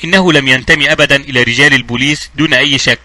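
A man reading the lines of a sardonic, suspicious male adventurer in a calm, mocking tone. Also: medium pitch, rapid-fire, no room sound. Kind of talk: audiobook dialogue reading.

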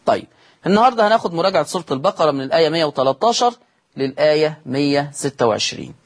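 A man with an Egyptian accent gives a recitation lesson for broadcast. His voice is fairly high and a bit husky. He keeps repeating his key points and answers his own questions. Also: sing-song, rapid-fire. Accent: Egyptian Arabic. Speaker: Quran recitation teacher. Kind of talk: televised religious lesson. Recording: studio broadcast.

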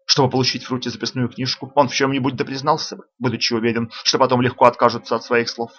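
A man's voice: medium pitch, level tone, fast talker, fairly bright tone, close to an everyday voice. A man voicing a nervous male electrical engineer who keeps justifying himself. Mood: defensive. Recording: dull lo-fi audio.

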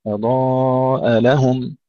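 A man teaching a tajweed lesson, reciting words slowly to demonstrate and correcting common mistakes. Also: mid-range voice, little pitch movement, mellow, no echo. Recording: dry, dull lo-fi audio.

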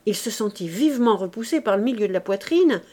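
Brief: woman narrator, mid-pitched and mellow, reading a classic novel with measured expression. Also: animated. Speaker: audiobook narrator.

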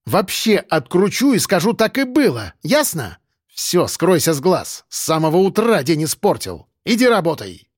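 A furious middle-aged woman boss, put on by a male narrator barks coarse reproaches at a subordinate. Her voice is pushed up high and loud, with hard, scolding bursts. The recording is close and dry. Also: huge pitch swings, normal speed, dry recording.

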